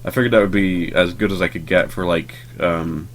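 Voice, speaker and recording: Low-pitched and brisk, with fairly even intonation, a young man recently recovered from a cold narrates his gameplay. He rambles drowsily, fills gaps with ums and swears in passing. A little hiss or hum is audible behind this let's play commentary.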